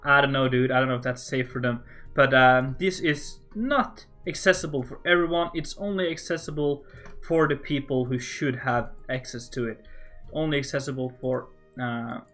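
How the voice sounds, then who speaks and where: While streaming his Minecraft construction, a Norwegian man with a Norwegian accent mutters and jokes with viewers in a steady, slightly bright mid-range voice at a moderate pace. His talk rambles along, and soft background music is audible.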